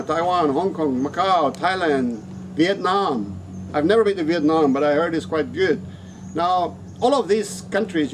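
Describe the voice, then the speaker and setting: With a fairly high-pitched voice, a middle-aged man from Africa speaks casually to camera in teacher mode, repeating words for emphasis. He is an English teacher, trainer and vlogger whose third language is English, filmed in an open-sided resto-inn in the Philippines over noisy open-air ambience.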